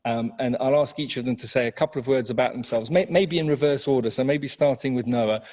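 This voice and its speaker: A man who heads a university college, giving a measured welcome address from a senate chamber with frequent ums and restarts. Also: mid-range voice, darkish tone. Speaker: head of college, webinar host.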